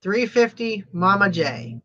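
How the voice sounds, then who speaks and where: Speaking at a medium pitch with an expressive, sharp tone, this woman runs a laid-back auction on a live stream. She's talkative and quick to laugh, yet her delivery is slow and drawn out, all captured in dull, lo-fi stream audio.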